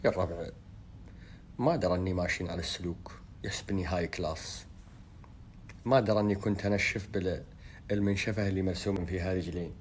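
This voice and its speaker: A man's voice: deep voice, fast, pauses often. Bedouin-accented Gulf man vlogging over background noise. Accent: Gulf Bedouin Arabic. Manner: colloquial, jokey storytelling. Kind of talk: casual vlog chat to followers.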